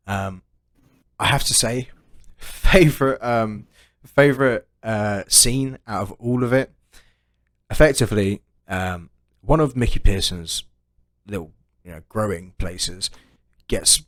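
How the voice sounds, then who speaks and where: A man talks in a low voice, recorded close and dry with almost no room sound. He rambles through long stories, tacking "right?" onto his sentences and swearing casually. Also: fairly bright tone, no echo. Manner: swears freely. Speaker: podcast co-host. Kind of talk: casual chat.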